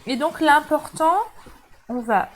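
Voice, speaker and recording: A woman's voice: high-pitched, slow, a little hiss or hum, poor audio. Chatty French woman hosting a craft livestream. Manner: chatty, warm asides to viewers, laughs often. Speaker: crafting channel host. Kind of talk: casual live crafting demo. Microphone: camera mic.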